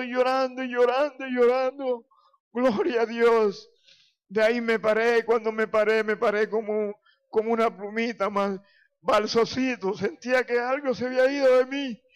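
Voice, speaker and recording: Man, sixties, pastor, personal testimony, fervent, high voice. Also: smooth. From Venezuela. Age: 60s. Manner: fervent, emotional, repeated praise exclamations.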